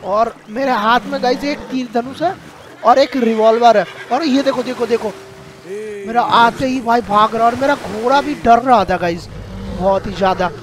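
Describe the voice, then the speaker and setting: A high-voiced man with a Hindi-speaking Indian accent commentates his gameplay live, excitable and chatty as he calls out to viewers. Game sounds and ambience run clearly behind him. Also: slight background noise. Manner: excitable, addresses viewers as guys.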